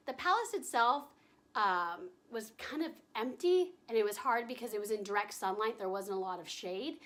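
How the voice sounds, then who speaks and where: A young woman talking through her travel vlog in a bubbly, giggly way, gushing with drawn-out enthusiasm. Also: a little high, fairly bright tone. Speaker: travel vlogger. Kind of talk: casual vlog narration.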